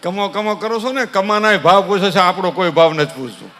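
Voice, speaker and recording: A man performing a live comedy monologue on stage, preaching and telling stories in an animated way. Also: high voice, brisk. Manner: preachy, animated storytelling with exhortations. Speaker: folk comedian and dayro performer. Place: live stage before an audience. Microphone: stage PA microphone. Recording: reverberant live stage hall.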